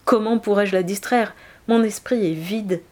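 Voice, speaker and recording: A woman's voice: medium pitch, unhurried, darkish tone, lightly acted. Woman reading as a lovesick young man. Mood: despairing.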